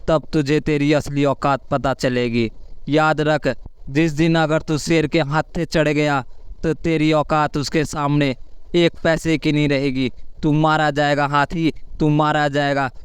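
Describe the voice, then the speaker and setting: A man's voice: a little high, flat delivery, a little slow, clean tone, dry recording, natural voice. A man voicing a small male sparrow in a cartoon who sternly scolds and warns a bully. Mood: warning. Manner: scolding, warning.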